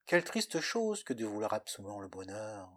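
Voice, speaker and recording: A man voicing the gentle, wondering voice of a child's heart in a spoken tale. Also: lowish voice, big pitch swings, moderate pace. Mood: gently puzzled.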